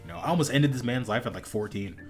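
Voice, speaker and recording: A man's voice: mid-range voice, animated, fast, music in the background. A young man streaming a video game, chatting casually and rambling, laughing often and saying dude and like a lot. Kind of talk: casual gaming stream chat.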